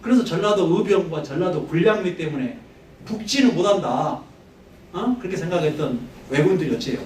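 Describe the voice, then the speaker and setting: Male history lecturer, lively and pitch-swinging, quizzes the audience; echoey hall, slightly off-mic. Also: fairly quick, far from the mic, slight background noise. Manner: conversational, poses questions to the audience.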